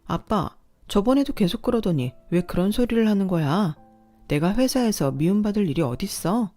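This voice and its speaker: A woman's voice: medium pitch, animated, normal speed, warm tone, faint music behind, natural voice. A woman voicing a young married daughter who questions her father and husband insistently in a read-aloud story. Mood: cheerful. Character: the daughter narrator, a young married office worker, direct and suspicious. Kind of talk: scripted story reading.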